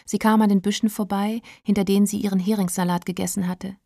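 Female audiobook narrator, calm storyteller, mellow and dry. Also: mid-range voice, fast talker, creaky, dry recording. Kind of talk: audiobook reading.

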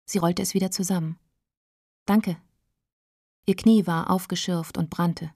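Female audiobook narrator, calm storyteller, mellow and dry. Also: fairly low pitch, a little fast, no echo. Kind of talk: audiobook reading.

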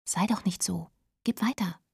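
A woman voicing a shy, gentle teenage schoolgirl in a storybook reading, speaking softly and politely. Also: medium pitch, fairly even intonation, brisk, no echo, clean studio sound, close to an everyday voice. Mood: hushed. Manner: soft, polite.

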